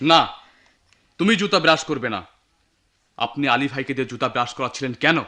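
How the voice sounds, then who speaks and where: A man's voice: medium pitch, a little fast, close to an everyday voice. An actor playing a stern, righteous young man who defends his poor cousin, in a television drama. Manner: stern, lecturing, forceful.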